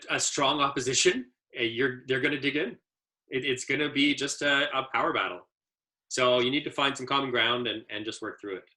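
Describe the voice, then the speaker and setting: A man's voice: medium pitch, bright, forceful tone. A man, an adaptive ski instructor trainer, giving a casual training presentation as an easygoing storyteller with many fillers.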